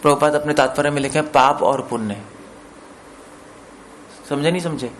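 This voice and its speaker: Speaking to a gathering in a fairly high voice, a preacher teaches scripture and stops now and then to quiz those listening. English terms find their way into what he says, and a faint hiss lies beneath it all.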